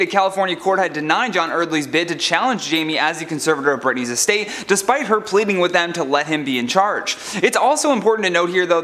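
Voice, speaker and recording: Bright, high-pitched man reporting news. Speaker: online entertainment news host. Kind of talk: scripted news narration.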